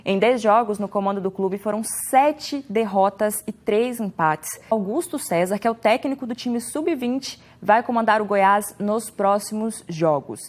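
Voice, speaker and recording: A woman's voice: mid-range voice, a little slow, hardly any pauses. A Brazilian woman reading a scripted football recap. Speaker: football highlights narrator.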